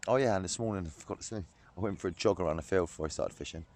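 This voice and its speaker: Young man, very low voice, fishing vlog, chatty and sweary, outdoors by a lake. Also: very fast, a little mellow. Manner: chatty, laughs often, swears. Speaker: fishing vlogger. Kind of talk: casual talk to camera. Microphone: camera on a tripod.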